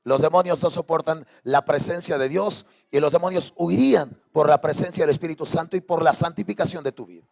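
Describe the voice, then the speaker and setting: Pastor guy preaching hard in church, kinda high voice, keeps asking questions. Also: fairly quick, creaky, few pauses, a little mellow. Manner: impassioned preaching, repeated rhetorical questions. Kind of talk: sermon. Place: church sanctuary.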